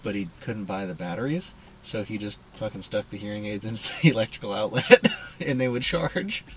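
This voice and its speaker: A man in casual chat, curious and quick to laugh, telling stories and swearing. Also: on the low side, slight background noise, rough recording. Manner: curious, laughs often, tells anecdotes.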